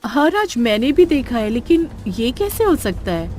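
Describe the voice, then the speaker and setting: A woman's voice: on the high side, sing-song, normal speed, darkish tone, soft background music. A woman voicing a worried young wife. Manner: questioning, worried.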